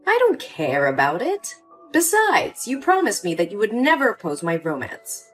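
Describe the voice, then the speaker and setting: A woman's voice: mid-range voice, huge pitch swings, normal speed, fairly bright tone, soft background music. Cold scheming older mother, voiced by a woman. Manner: cool, condescending.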